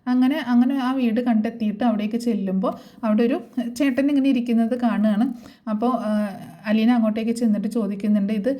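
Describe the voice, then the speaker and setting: A woman recaps an upcoming serial episode in a chatty, casual way, stopping often for filler sounds. Her voice is warm and mellow, and she talks rapidly. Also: a little high, fairly even intonation. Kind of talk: casual plot retelling.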